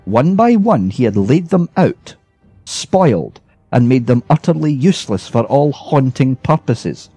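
A man's voice: mid-range voice, very animated, mellow, slightly rough, no room sound, soft background music. Man reading a ghost story aloud. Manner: measured first-person storytelling. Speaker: reader. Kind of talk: scripted storybook narration.

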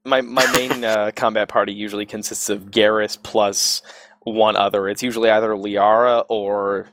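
A man from Southern California with an American accent chats casually as a podcast co-host about video games, halting and repeating himself as he goes. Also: fairly low pitch, level tone, fairly bright tone, no echo. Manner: halting, repetitive, profane.

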